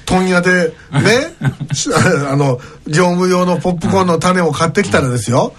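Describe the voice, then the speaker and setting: A man's voice: high-pitched, lively intonation, moderate pace, breathy edge. A man hosting a casual chat, rambling through jokey schemes and laughing often.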